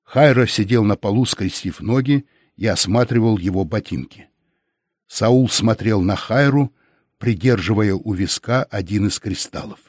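A man narrating an audiobook in an even, measured way. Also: lowish voice, dry recording, studio quality.

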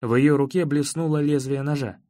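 A man reading a first-person story as an audiobook narrator, in measured, evenly paced storytelling. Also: on the high side, steady tone, dark tone, dry recording, clean studio sound.

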